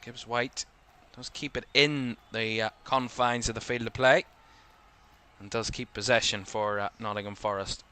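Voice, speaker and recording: A young man with a Northern Irish accent giving live play-by-play commentary on a football match, calling the action quickly and lifting his voice at attacking moments. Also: mid-range voice, steady tone, bright, forceful tone, clear, resonant tone.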